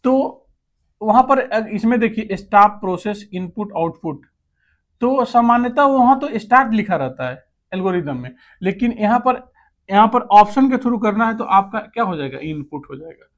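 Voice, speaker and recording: A man's voice: sits high, lively intonation, moderate pace. A man teaching computer basics, reading out quiz options, then asking and answering himself, with English terms mixed into his Hindi. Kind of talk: explaining quiz questions step by step.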